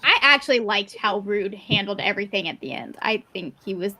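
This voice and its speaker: A woman's voice: medium pitch, lively intonation, fairly quick, pushed and bright, rough recording. A woman on a book discussion video call, earnest and opinionated, often murmuring agreement. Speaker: book club panelist.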